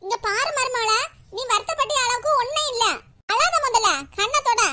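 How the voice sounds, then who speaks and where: Woman doing a shrill Kanyakumari mother-in-law. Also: moderate pace. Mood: coaxing. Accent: Kanyakumari Tamil. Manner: scolding, loud and blunt. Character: scheming village mother-in-law, older woman. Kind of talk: cartoon voice acting.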